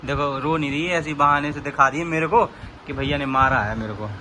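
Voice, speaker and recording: High-voiced playful man, noisy home vlog. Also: fairly quick, sharp tone. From Bundelkhand, India. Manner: playful, teasing, chatty with small children. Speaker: vlog host. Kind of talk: casual family vlog chat.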